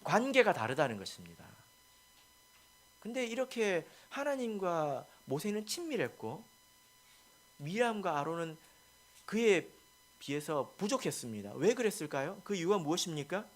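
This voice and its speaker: A man, a pastor, preaching a sermon, asking the congregation questions and moving from soft asides to loud, emphatic lines. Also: sits high, big pitch swings, moderate pace, pauses often. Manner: asks the congregation rhetorical questions.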